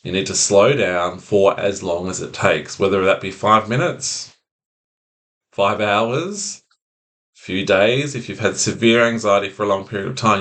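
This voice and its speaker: Male anxiety coach, very low voice, slow soothing delivery, talks straight to camera. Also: a bit bright. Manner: slow, soothing, repetitive phrasing. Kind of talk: calm instructional monologue.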